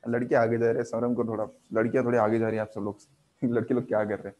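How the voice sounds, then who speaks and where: A man teaching a live online biology class, quizzing his students with quick questions. He mixes English terms into his talk, repeats key words and keeps a teasing, encouraging manner. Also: medium pitch, flat delivery, dark tone.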